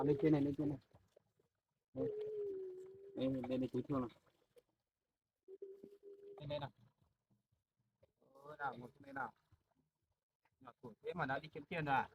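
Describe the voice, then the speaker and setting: A man talking gently and in a fatherly way, coaxing children outdoors by a mountain stream. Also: fairly high pitch. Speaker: vlogger. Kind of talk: casual vlog talk. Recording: dull lo-fi sound with faint noise.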